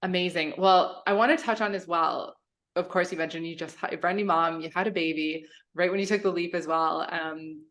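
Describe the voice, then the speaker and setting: Enthusiastic woman podcast host, lower voice. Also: fairly even intonation, brisk, fairly bright tone. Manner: enthusiastic, gushing. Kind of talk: casual interview.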